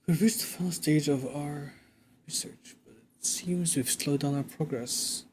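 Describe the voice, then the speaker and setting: A man livestreaming a game, talking casually and thinking out loud in a conversational way. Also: fairly high pitch, measured pace, a little hiss or hum. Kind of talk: casual livestream chat while playing a game. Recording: game music behind the voice. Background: video game music.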